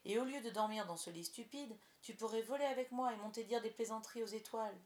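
A woman's voice: fairly high pitch, fast, darkish tone, natural voice. A woman voicing a cocky, wheedling boy who never grows up, in a roomy recording. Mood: coaxing. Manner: boastful, wheedling. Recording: roomy echo.

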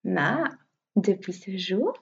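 A woman's voice: mid-range voice, big pitch swings, vocal fry, breathy edge, highs cut off. A woman reading a children's fairy tale aloud in a playful, storytelling way. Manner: slow, playful narration of invented words.

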